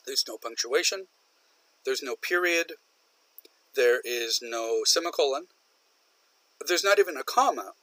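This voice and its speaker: A man's voice: fairly high pitch, pushed and bright, dry recording, poor audio. A man lecturing a university business English class, patiently repeating and stressing example sentences. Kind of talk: recorded online lecture.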